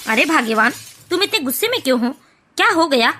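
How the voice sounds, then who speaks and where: A woman voicing an elderly father-in-law who asks questions in a steady, reproachful way. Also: high-pitched, fast talker, full character voice.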